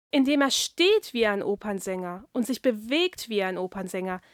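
A woman reading a children's story aloud in a lively, expressive way. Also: fairly high pitch, no echo. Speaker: narrator.

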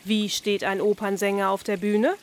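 A woman's voice: sing-song, takes it slowly, a bit bright, exaggerated voice. Woman doing an overexcited bossy carp. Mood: coaxing. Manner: high, gushing, theatrical coaxing. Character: excitable male carp, bossy and over-the-top cheerful.

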